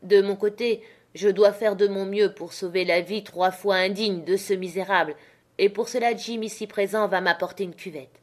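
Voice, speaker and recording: A brisk country doctor gives orders calmly and waves off alarm, read by a woman narrator. The tone stays matter-of-fact and firm, close to a plain reading voice. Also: mid-range voice, lightly acted.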